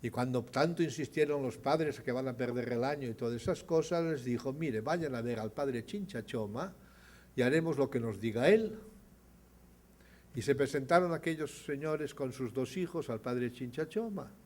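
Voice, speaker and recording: An older man tells stories from a podium, recounting them in a measured voice. When the characters speak, he raises his voice and his volume to act out their lines. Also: medium pitch, a little hiss or hum. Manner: dramatizes dialogue with rising, louder voice. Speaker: speaker at an award ceremony. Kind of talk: storytelling speech.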